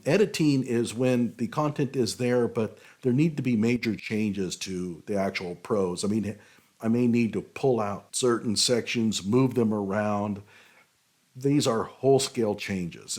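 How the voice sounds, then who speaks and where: With a fairly low, darkish voice and a slightly slow delivery, a man hosting his own show offers casual commentary critiquing a legal document. A technical writing consultant, he explains and opines freely, using frequent fillers.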